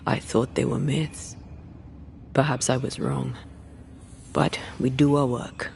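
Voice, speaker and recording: A man playing a learned, resolute ghost hunter in earnest, measured video game dialogue. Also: mid-range voice, steady tone, creaky, a little mellow, slight background noise. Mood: sober, resolute.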